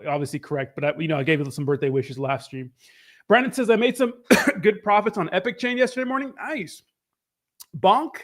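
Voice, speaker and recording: A man hosting a casual live stream with a slightly hoarse voice, hyping things up and greeting viewers in informal slang. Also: high voice. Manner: upbeat, informal hype with slangy shout-outs.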